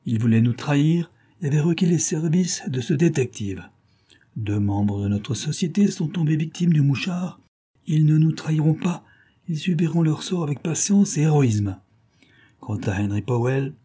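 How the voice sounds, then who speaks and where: Man putting on a gang chief, menacing, sonorous, mocking, husky, storybook villain. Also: on the high side, mellow, voice pushed up.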